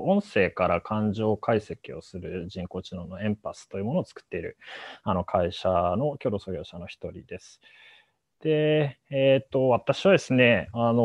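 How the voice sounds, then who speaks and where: Low-voiced man giving a polite online talk. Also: no room sound. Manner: polite, hedging, filler-heavy. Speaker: startup co-founder presenting. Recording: muffled dry call audio.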